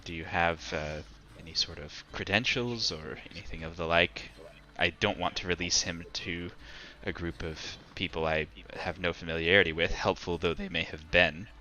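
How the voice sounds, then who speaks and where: A man running a tabletop game as game master, questioning the players in a dry, measured way. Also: sits low, fairly even intonation, pushed and bright. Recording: dull lo-fi audio.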